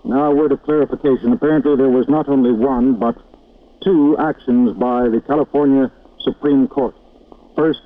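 A man reading radio news bulletins in a measured, formal newsreader manner, heard as an old lo-fi radio broadcast. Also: medium pitch. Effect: old lo-fi radio broadcast sound. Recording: tinny narrow-band vintage radio broadcast.

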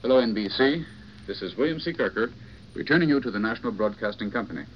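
A man's voice: mid-range voice, expressive. Breathless male correspondent, formal news delivery, old 1940s radio sound, muffled and faintly hissy. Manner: formal, measured delivery with restarts. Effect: old 1940s radio broadcast. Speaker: foreign correspondent. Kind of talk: live radio news report. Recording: dull lo-fi vintage radio with faint hiss.

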